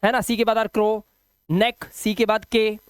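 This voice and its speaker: A man's voice: high voice, flat delivery, measured pace, clean tone, dry recording. A male English teacher giving a spoken lesson. He asks the class questions and answers them himself, and drags out letter sounds as he spells. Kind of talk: spoken video lesson for students.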